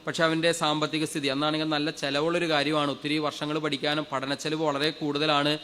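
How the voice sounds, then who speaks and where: Fast-preaching priest in a reverberant hall. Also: male voice, fairly high pitch, flat delivery. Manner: fervent, leads congregation in loud hallelujahs. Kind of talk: sermon storytelling.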